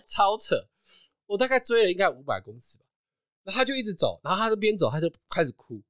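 A man, hosting a podcast and telling a story in a casual, animated chat, laughing often. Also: sits high, quick pace, no echo, studio quality. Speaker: podcast host.

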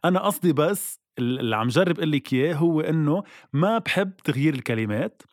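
A man's voice: on the high side, animated, fast, no echo, studio quality. A man with a Lebanese accent co-hosting a podcast in casual chat, teasing and mock-indignant, often cutting in. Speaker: podcast co-host.

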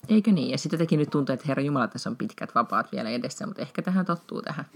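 A woman's voice: extremely low pitch, expressive, vocal fry. A woman hosting a podcast, chatting casually and laughing often, with frequent restarts. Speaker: podcast host.

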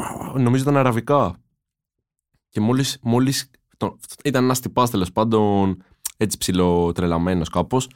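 A man's voice: medium pitch, darkish tone. A young man co-hosting a casual podcast, telling stories in a laid-back, teasing way. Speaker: podcast co-host. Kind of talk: casual storytelling chat.

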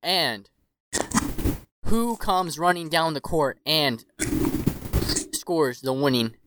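A man's voice: on the high side, lively intonation, slow. Casual male podcast host with background noise. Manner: playful, rambling with fillers. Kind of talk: casual quiz chat.

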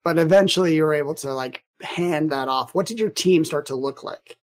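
A man's voice: on the high side, brisk. Male podcast host, easygoing interviewer, lots of "uh"s and restarts. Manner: chatty, lots of fillers and restarts. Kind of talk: casual interview.

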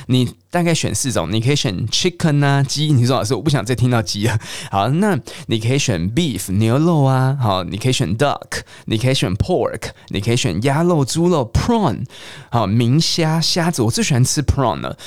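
Brief: middle-aged man from Taiwan, chatty English teacher, animated delivery, dry close sound. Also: mid-range voice, no echo. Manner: lively, chatty, mixes English words into Mandarin. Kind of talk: casual teaching monologue.

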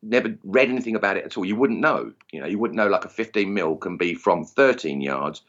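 A man with an Essex accent speaks in a deep register with very lively intonation. He chats casually as a guest, poking fun at himself. The sound is a little dull and lo-fi. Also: fairly quick. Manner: self-deprecating, jokey. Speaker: interview guest, target shooting instructor. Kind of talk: casual chat.

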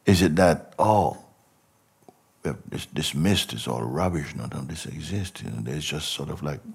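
Very deep, breathy, slow-talking man. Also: expressive. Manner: slow and reflective, asking many rhetorical questions, often trailing off softly. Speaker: spiritual teacher. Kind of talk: contemplative spiritual talk.

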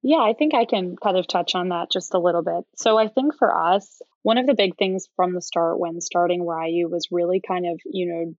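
A woman's voice: on the low side, normal speed, few pauses, a little mellow, no room sound, dull audio. An American woman co-founder answering interview questions casually, with lots of filler words. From United States. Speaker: company co-founder.

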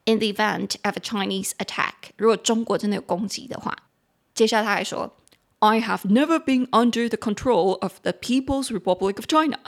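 A woman's voice: medium pitch, a little fast. Chatty woman teaching English. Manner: chatty and animated, mixing English phrases into Mandarin and spelling words out. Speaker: podcast host and English teacher. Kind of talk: casual explanatory podcast lesson.

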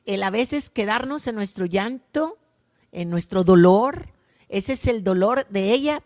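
Soft-spoken woman giving a prayerful reflection. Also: medium pitch. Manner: slow, prayerful, softens to a hush at line ends. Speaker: worship leader. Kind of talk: gospel reflection.

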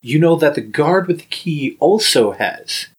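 A man narrating a tabletop role-play game as game master, describing scenes in a measured way. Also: fairly high pitch, lively intonation, slightly rough.

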